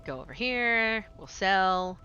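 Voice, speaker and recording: A woman's voice: medium pitch, lively intonation, takes it slowly, bright, forceful tone, highs cut off, faint music behind. A woman streaming a game and chatting casually, rambling and laughing often. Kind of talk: casual gaming stream chat.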